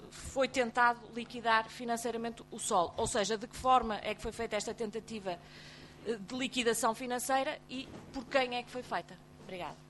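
A woman's voice: a little high, a bit bright, slight background noise. Composed European Portuguese woman legislator. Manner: composed, orderly, precise. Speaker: member of parliament. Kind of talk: formal questioning at a hearing.

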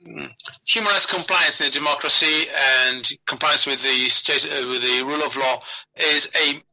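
A man working as a live conference interpreter, giving a translation voice-over of a formal speech in halting phrases with restarts. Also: fairly high pitch, bright, forceful tone, low-quality recording. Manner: translation voice-over, relaying a speaker with hesitations and restarts.

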